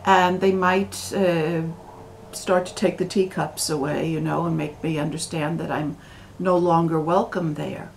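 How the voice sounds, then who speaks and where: Slow-spoken American woman with long pauses. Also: low-pitched, steady tone, gravelly, a little hiss or hum, rough recording. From United States. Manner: slow and deliberate, with many fillers and pauses. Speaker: video commentator. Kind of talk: unscripted monologue to camera.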